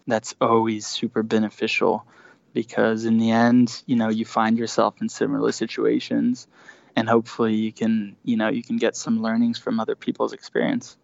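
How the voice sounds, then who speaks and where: With a gravelly voice on the low side, a Swiss man in his thirties who founded a startup speaks as a guest in a casual remote interview. He is hesitant, restarting often and leaning on fillers. The lo-fi call audio is dry and dull, with no room sound.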